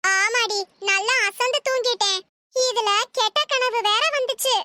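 A woman plays a bossy old cartoon mother-in-law with a very high, bright voice. She grumbles sleepily and barks orders. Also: unhurried, dry recording, clean studio sound, exaggerated voice. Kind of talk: comic cartoon dub.

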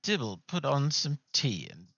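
A man's voice: medium pitch, huge pitch swings, measured pace, gravelly, fairly bright tone, dry recording, dull audio, pitched above the performer's own voice, heavily acted. Man playing a noblewoman, haughty, imperious, skeptical, tabletop game character. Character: haughty, commanding aristocratic lady.

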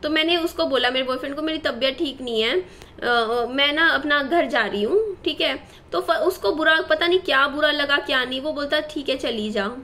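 A woman's voice: high voice, moderate pace, pushed and bright. A woman in her twenties telling a personal story to her viewers in a chatty, rambling way, with many fillers and self-corrections. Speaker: vlogger.

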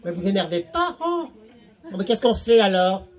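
A man's voice: sits high, big pitch swings, moderate pace, pitched below the performer's own voice. A man voicing a fussy, flustered male hairdresser in a spoken joke.

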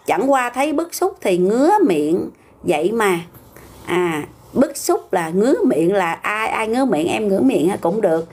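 A woman's voice: medium pitch, very animated, a little slow, darkish tone, a little hiss or hum. An older woman with a Southern Vietnamese accent, hosting a casual livestream, talking back bluntly and argumentatively to viewer comments.

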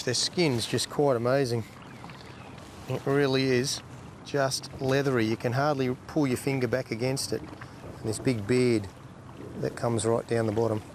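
A man's voice: medium pitch, a little hiss or hum. A middle-aged Australian man hosting a fishing show from a boat, chatting in a matey, slangy tradesman way. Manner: blokey Aussie tradesman way of talking, matey slang. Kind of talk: casual on-the-water fishing commentary. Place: small open boat on a lake. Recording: outdoor boat recording with music behind.

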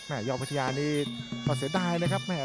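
Fast, high-voiced male boxing commentator. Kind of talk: lively fight commentary and promotional reads. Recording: music behind the voice. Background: music.

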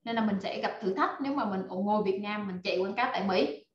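Over echoey, dull video-call audio, a woman runs a live online class as its instructor, rallying her students and using lots of fillers. She has a medium-pitched voice and a fast delivery.

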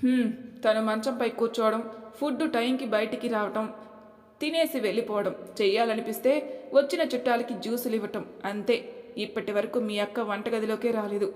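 A woman's voice: a little high, steady tone, fairly quick, a little mellow, natural voice. A woman voicing a blunt older aunt listing what others did, in an echoey hall. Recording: roomy hall reverb.

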